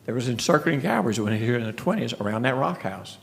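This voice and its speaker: A man's voice: medium pitch, animated, fast talker, creaky, fairly bright tone. A man giving a folksy, storytelling presentation at a city commission meeting. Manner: folksy storytelling, frequent restarts. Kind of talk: casual presentation.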